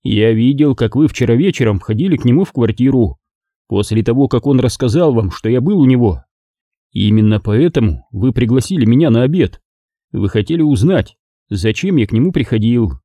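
A man's voice: mid-range voice, lively intonation, fairly quick, mellow, no echo. A man reading an audiobook and voicing a blunt, persistent male detective who questions accusingly. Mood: pressing.

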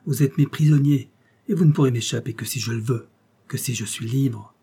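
A violent circus clown, as a man reads him aloud, spitting sarcastic defiance in a raised, forceful, husky voice. He pitches his voice higher and louder than the narration, mellow in tone yet rough at the edges. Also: a little fast. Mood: defiant. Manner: sarcastic, raging, then pleading.

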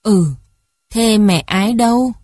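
A woman's voice: mid-range voice, takes it slowly, a little mellow, dry recording, studio quality. A woman voicing an elderly dignified mother who asks questions hesitantly in a storybook. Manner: hesitant, searching.

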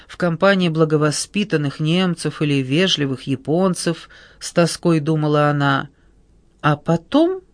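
Male audiobook narrator, even storytelling, slightly high voice, dry close sound. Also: dry recording. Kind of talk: scripted narration of a novel.

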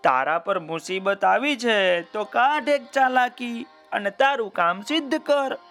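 A man's voice: very high-pitched, animated, a little slow, fairly bright tone, faint music behind, voice pushed up, exaggerated voice. A man voicing a mischievous male monkey in a children's story, teasing his friend. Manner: teasing, laughing.

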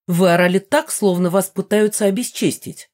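A reader voicing an excitable middle-aged mother with a high, loud, fussing delivery in an audiobook. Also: unhurried. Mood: indignant. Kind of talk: audiobook character voice.

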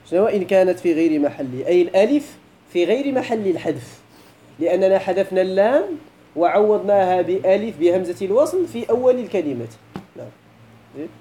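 A man's voice: high voice, lively intonation, a little fast, mellow, slight background noise, poor audio. A middle-aged man with a Moroccan Arabic accent, teaching a grammar class and pressing students with questions. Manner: questioning students, switching to colloquial.

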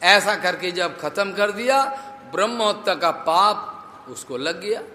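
A monk preacher tells a devotional story as a sermon, checking in with listeners through rhetorical questions and mixing in English words. His voice is high-pitched, animated and unhurried with a sharp tone. The recording carries echoey hall reverb and a slight hiss or hum.

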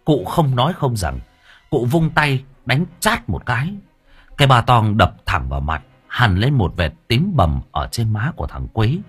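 A man narrating an audiobook story in a dramatic, expressive way. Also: mid-range voice, a little slow, breathy edge, no room sound, soft background music.

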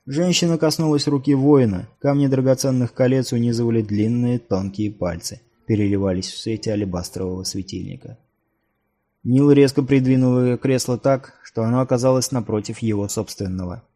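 A man narrating a fantasy novel as an audiobook reader, in a measured storytelling manner. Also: medium pitch, dark tone.

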